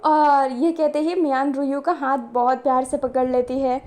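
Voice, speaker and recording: A woman's voice: high voice, level tone, moderate pace, darkish tone. A woman narrating a fan-fiction story in a casual, chatty way, with joking asides.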